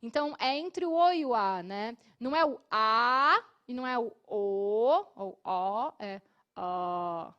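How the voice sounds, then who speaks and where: A Brazilian woman teaching an English class, explaining patiently and modeling words slowly. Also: on the high side, expressive, a bit bright, clean tone, muffled recording.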